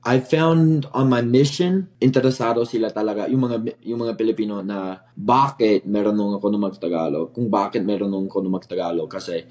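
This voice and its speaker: A man's voice: lowish voice, normal speed, darkish tone. Man chatting in learner's Tagalog. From California, USA. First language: English. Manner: learner's Tagalog mixed with English, hesitant restarts. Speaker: guest, former missionary. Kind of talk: casual chat.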